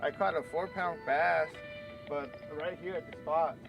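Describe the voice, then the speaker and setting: A man's voice: fairly high pitch, steady tone, unhurried, creaky, muffled recording, music in the background. A man, a local angler, chatting casually outdoors by a lake. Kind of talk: casual chat. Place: outdoors at a lakeside fishing spot.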